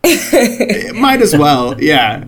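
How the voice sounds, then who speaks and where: A man's voice: fairly high pitch, very animated, drawn-out words. A man co-hosting a casual chat, rambling and correcting himself with lots of fillers. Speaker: podcast co-host.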